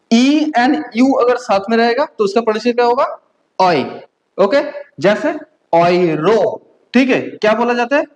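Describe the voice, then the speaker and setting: A woman from India teaches a beginner class at a measured, methodical pace. She spells sounds out one by one, and a steady "okay?" runs through her speech to keep learners with her. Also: on the high side, poor audio. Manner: patient drilling, frequent "okay?" check-ins, slow spelled-out letters. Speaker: German language teacher. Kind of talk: beginner language lesson.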